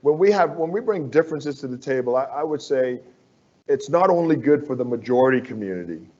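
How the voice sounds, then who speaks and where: A man's voice: mid-range voice, expressive, brisk, darkish tone, highs cut off. A man from the Bahamas, a construction firm executive, speaking as an interview guest in an earnest, persuasive way that repeats phrases for emphasis.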